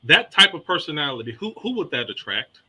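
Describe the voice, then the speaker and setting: Bright-voiced man, deliberate and repetitive. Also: on the high side, sing-song, slightly rough. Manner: deliberate, repeats words while building an argument. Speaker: panelist. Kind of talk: casual live panel talk.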